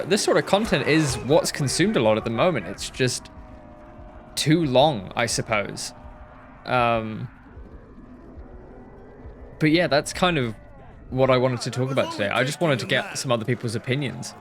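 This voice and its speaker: A man's voice: mid-range voice, expressive, measured pace, long pauses, a little hiss or hum. A man in his thirties, a gaming YouTuber rambling through casual commentary over gameplay with lots of swearing and self-mockery, talking into a headset mic.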